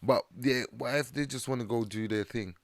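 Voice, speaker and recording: A man's voice: mid-range voice, moderate pace, dry recording. Giggly laid-back man, dry sound. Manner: laid-back, teasing, giggles mid-sentence, says "bro" constantly. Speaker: podcast co-host. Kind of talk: casual chat.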